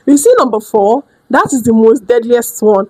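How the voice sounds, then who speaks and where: Woman, a higher voice, dry close sound, direct coach who acts out her examples. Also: normal speed, no room sound, poor audio. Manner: direct and lively, acts out customers and sellers. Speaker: business coach. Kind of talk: casual teaching vlog. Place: indoors at home during a rainstorm.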